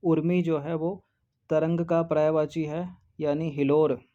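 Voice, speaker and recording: Flat, methodical male Hindi tutor. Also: fairly high pitch, measured pace. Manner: methodical, reads options aloud and eliminates them one by one. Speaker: exam-prep teacher. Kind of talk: explaining a Hindi test paper. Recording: dull lo-fi recording.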